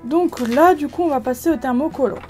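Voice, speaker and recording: With music playing underneath, a French woman walks viewers through a craft project at home in a high, slightly fast voice. Her delivery is relaxed and talkative, full of fillers and restarts, as a craft video creator.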